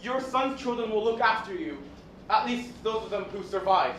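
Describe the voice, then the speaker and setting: A woman's voice: medium pitch, expressive, normal speed, fairly bright tone, lightly acted. A student actress playing a proud, stubborn old man in a school stage play. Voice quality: defiant, blustering. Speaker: student actor. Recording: echoey hall, faint noise.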